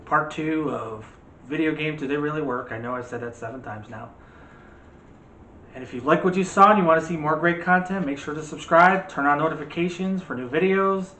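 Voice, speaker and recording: A movie channel's host, he teases playfully through a casual film discussion in a sharp, slightly fast voice pitched on the high side. The room he's in indoors is echoey, with faint background noise.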